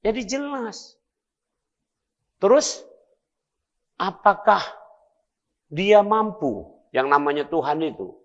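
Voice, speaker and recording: A middle-aged man with a Palembang Malay accent, preaching a playful, lively sermon in a mosque. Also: high voice, takes it slowly, long pauses, lo-fi sound. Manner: lively, playful, acts out dialogues.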